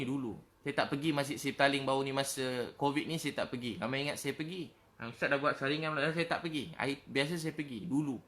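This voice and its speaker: A man's voice: medium pitch, fairly bright tone. A man with a Malaysian accent, preaching to viewers in an emotional live stream, heartfelt and repeating his phrases insistently.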